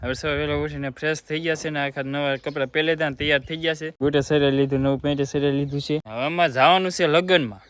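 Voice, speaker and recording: A man with a Gujarati accent chatting casually on a family vlog, teasing and quick, filmed on a handheld phone. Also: on the high side, fairly even intonation, fairly bright tone, clean tone. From Gujarat, India. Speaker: vlogger.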